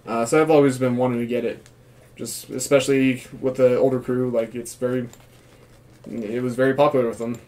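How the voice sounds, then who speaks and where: A man's voice: medium pitch, little pitch movement, fairly quick, darkish tone. A man in his thirties giving a casual vlog review in a small room. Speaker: gas mask reviewer, former Marine.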